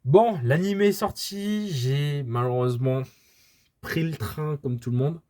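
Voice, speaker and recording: A man's voice: fairly high pitch, measured pace, dark tone. A man chatting casually about his manga purchases, rambling with many hesitations and restarts, filming at home. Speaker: manga collector vlogger. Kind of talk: casual haul video chat. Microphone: camera filming books, speaker off-frame.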